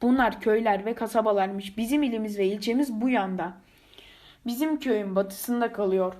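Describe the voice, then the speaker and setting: A man's voice: high voice, fairly quick, darkish tone, lightly acted. A teenage boy reading the lines of a level-headed village shepherd boy in an audiobook, with plain, earnest delivery. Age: teens.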